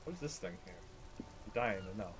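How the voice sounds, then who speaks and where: A man's voice: lowish voice, lively intonation, brisk, slight background noise. A man giving casual gameplay commentary, muttering to himself and reading game text aloud. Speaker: gameplay streamer.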